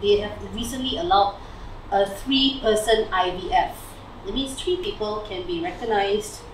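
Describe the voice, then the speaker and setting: A woman's voice: medium pitch, moderate pace. A young Malaysian woman with a Malaysian English accent, presenting her PhD research to friends in a chatty way, full of fillers and "lah". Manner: chatty, ends phrases with "lah" and "right?", many fillers. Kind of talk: informal talk to friends. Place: living room at home, slide on a TV. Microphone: far camera across the room. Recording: roomy, distant camera audio with faint hiss.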